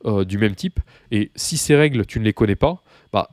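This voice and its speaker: Low-voiced man teaching. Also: animated, moderate pace, darkish tone, no room sound, studio quality. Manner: hesitant, many fillers and restarts; addresses the learner informally, patient explaining. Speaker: Russian language teacher. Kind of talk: spoken language lesson.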